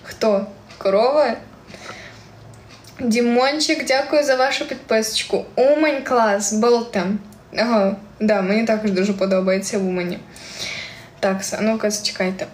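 Her voice is a little high at a moderate pace, broken by long pauses. The young Ukrainian woman, with a central Ukrainian surzhyk accent, chats casually on a live stream, reading viewer comments aloud with frequent giggles, in an echoey room with faint ambient noise.

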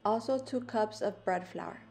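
A woman's voice: mid-range voice, normal speed, creaky. Young woman narrating a recipe over guitar music. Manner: plain step-by-step explaining. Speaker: vlogger.

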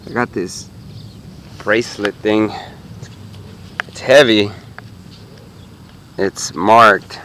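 Man, low voice, casual chatty vlog, talking to viewers, outdoors in a park, faint outdoor ambience. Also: very slow, pauses often, pushed and bright, a little hiss or hum, low-quality recording. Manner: chatty, talks to viewers while digging. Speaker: metal detecting vlogger. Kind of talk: casual narration to camera.

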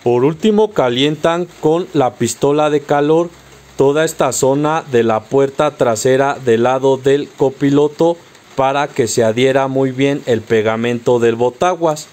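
A man's voice: medium pitch, unhurried, a little mellow. A man with a Mexican accent narrating a step-by-step car accessory tutorial, patiently instructing viewers directly. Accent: Mexican Spanish.

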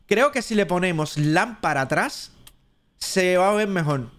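Cuban man streaming gameplay, talkative and thinking aloud, voice sitting a bit high. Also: animated, a little slow, fairly bright tone. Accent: Cuban Spanish. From Cuba. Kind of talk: live gameplay commentary.

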